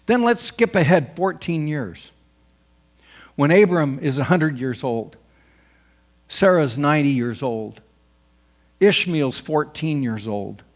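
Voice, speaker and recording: A man's voice: fairly high pitch, expressive, takes it slowly, pauses often. A man preaching a sermon as pastor, reading scripture aloud and rising in force on the quoted lines.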